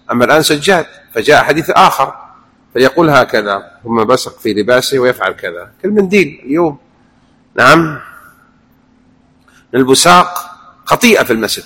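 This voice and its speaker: Guy teaching a religious lesson, medium voice, gets animated acting out the recitations. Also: medium pitch, rough recording. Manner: animated, demonstrates recitations aloud. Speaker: preacher.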